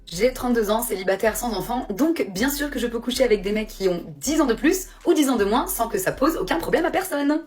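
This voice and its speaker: A woman's voice: a little high, animated, brisk, hardly any pauses, darkish tone. A woman in her thirties talking casually to camera, playful, running a repeated refrain and laughing often. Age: 30s.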